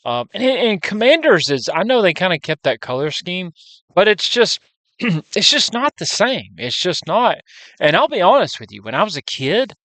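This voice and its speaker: A man's voice: high-pitched, sing-song, normal speed, sharp tone, no echo. A man vlogging in a casual, unscripted monologue, rambling and often restarting or correcting himself mid-sentence.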